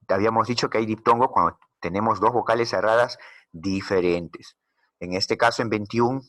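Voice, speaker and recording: Male teacher walking thru slides, lowish voice, dry close sound, patient and repeats stuff slowly. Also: fairly bright tone, dry recording. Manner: patient, explanatory, repeats key words slowly. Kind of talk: recorded slide lesson.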